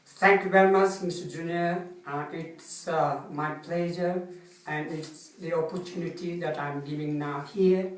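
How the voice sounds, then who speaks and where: An older man from Nepal with a Nepali accent, a retired soldier answering interview questions politely and haltingly, with many fillers. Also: fairly high pitch, steady tone. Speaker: guest, retired Gurkha soldier. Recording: echoey room, mic some distance off.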